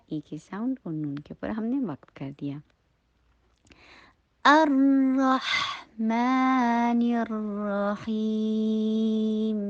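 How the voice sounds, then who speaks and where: A woman gives a slow, patient recitation lesson, breaking every syllable apart for her students to copy. The recording is dry and dull, with a lo-fi sound. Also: low-pitched, dark tone, no room sound. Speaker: Quran recitation teacher.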